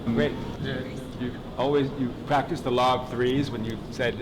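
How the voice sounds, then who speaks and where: A man leading a workshop, giving relaxed, encouraging feedback to presenters. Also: medium pitch, moderate pace. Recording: echoey hall, distant mic, loud background noise.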